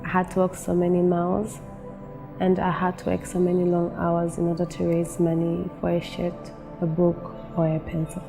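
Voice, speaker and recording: A young woman narrating a documentary in an earnest, measured way. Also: fairly low pitch, monotone, vocal fry. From Zambia. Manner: earnest, measured personal testimony. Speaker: narrator, women's advocate. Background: film score music.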